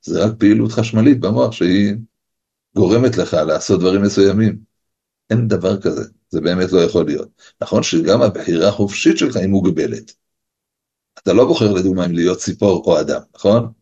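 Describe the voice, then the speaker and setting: A man's voice: low voice, mellow, breathy edge. A man, a rabbi, giving a Torah lesson over a video call, arguing by asking and answering his own questions. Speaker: rabbi teaching a class. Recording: dull lo-fi video call audio.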